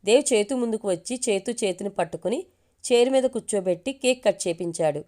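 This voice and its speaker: A woman narrating a family story in a calm, steady storytelling voice. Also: mid-range voice, a little fast. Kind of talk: reading a family story aloud.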